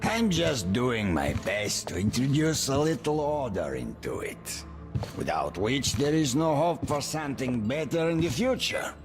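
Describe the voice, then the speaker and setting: Over music, a male actor voices a suave, menacing warlord baron in a dramatic video game cutscene. His gravelly, medium-pitched voice is deliberate, pompous and courteous, with a sing-song lilt and smug calm.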